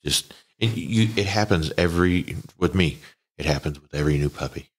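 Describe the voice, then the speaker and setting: A man with a low, husky voice chats as a guest on a podcast. He tells stories in an easygoing, unhurried way, close on a podcast mic. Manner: easygoing, drawn-out storytelling. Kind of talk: casual podcast chat. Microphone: podcast dynamic mic.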